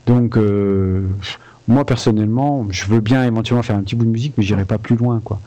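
Frank chatty man, mellow voice. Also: lowish voice, a little fast. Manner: frank, chatty, many restarts. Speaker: video game music composer. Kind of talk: casual interview chat.

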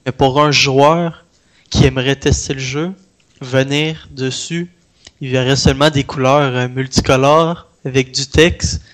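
Man with a Québécois French accent, mid pitch. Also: steady tone, a little slow, a bit bright. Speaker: interviewee, independent game developer. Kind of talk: casual conversation.

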